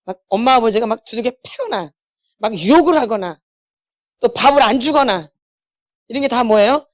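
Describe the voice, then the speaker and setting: Middle-aged pastor's wife teaching a church crowd, keeps asking them stuff, highish voice, dry close sound. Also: female voice, expressive, moderate pace, no echo. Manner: keeps asking the audience questions and repeating key words. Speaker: pastor's wife lecturing at a healing meeting. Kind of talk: church lecture with call-and-response questions. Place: church hall.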